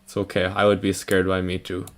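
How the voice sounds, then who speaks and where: A man's voice: sits low, completely flat delivery, a little fast. A young man chatting casually on a live stream, playful and rambling, laughing often.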